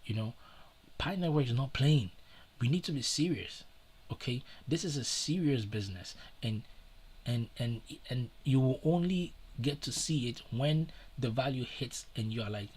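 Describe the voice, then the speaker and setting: A man's voice: mid-range voice, lively intonation, normal speed, a little mellow, slightly rough. A man hosting a live stream and giving casual advice in an earnest, repetitive way, with many fillers and restarts. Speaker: livestream host.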